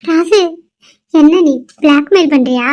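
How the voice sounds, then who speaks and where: A woman's voice: sits high, unhurried, darkish tone. A woman voicing a troubled young woman in a dubbed cartoon, who is facing an unwanted marriage and speaks in a flustered, pleading way. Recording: dull lo-fi recording.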